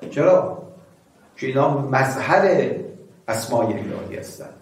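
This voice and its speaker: A man giving a sermon as a cleric, reciting verses slowly and often asking listeners "right?". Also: mid-range voice, animated. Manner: asks listeners "bale?" often. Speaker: cleric teaching ethics. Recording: echoey hall, mic far off.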